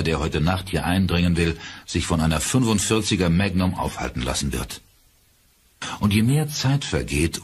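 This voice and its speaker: A man narrating a horror audiobook in a dramatic, expressive storytelling manner. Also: low-pitched, breathy edge.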